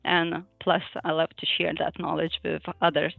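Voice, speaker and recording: This woman from Lithuania, presenting to an online user group via video call, is hesitant and peppers her talk with fillers and small laughs. Low-pitched and creaky, she keeps a level tone at normal speed; the recording is thin, phone-like and dry, with no room sound and faint music.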